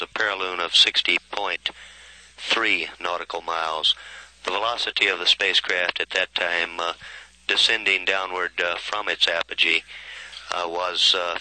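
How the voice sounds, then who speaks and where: A man giving live spaceflight commentary as a mission control announcer, halting with very frequent pauses and uhs. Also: low voice, bright, forceful tone, no echo, poor audio.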